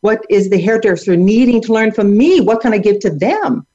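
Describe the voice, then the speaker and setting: A woman's voice: medium pitch, lively intonation, normal speed, warm tone, a little hiss or hum. Upbeat middle-aged woman guest. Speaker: guest, hair educator. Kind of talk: interview answers. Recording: dull lo-fi audio.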